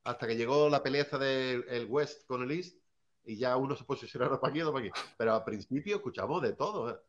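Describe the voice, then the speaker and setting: A man's voice: medium pitch, quick pace, lo-fi sound. A man from Seville, telling hip hop anecdotes in a rambling, casual way and often asking "¿sabes?". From Seville, Spain. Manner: rambling, tags lines with "¿sabes?". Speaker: early hip hop artist.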